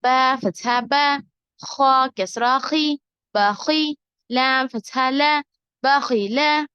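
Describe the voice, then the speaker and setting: A woman teacher drills Arabic letters and syllables, one careful piece at a time. Her voice sits high and moves very slowly. The recording is dry and a little dull. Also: pushed and bright, clear, resonant tone, no room sound. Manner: slow, deliberate syllable-by-syllable drilling. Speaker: Quran reading teacher.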